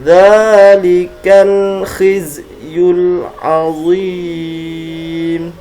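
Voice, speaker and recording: A male Quran teacher with an Indonesian accent demonstrates melodic recitation, over-enunciating each drawn-out syllable. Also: high-pitched, flat delivery, dark tone, soft background music. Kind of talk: instructional lesson with slow melodic Arabic recitation examples.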